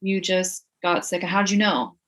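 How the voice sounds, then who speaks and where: Slightly low-voiced woman, plain-spoken. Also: measured pace, fairly bright tone. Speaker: podcast guest, nurse. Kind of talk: casual podcast chat.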